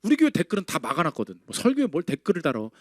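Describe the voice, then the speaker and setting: A man's voice: a little high, huge pitch swings, very fast, dry recording, studio quality. A male pastor preaching a sermon in a conversational way, firing rhetorical questions at his congregation.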